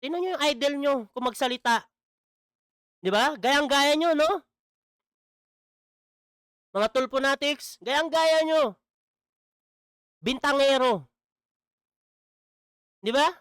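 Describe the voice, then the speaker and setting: A man's voice: very high-pitched, takes it slowly, long pauses, a bit bright, dry recording, studio quality. A man commenting in a casual vlog, mocking and asking "di ba?" again and again. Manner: mocking, repeats "di ba?". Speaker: vlogger.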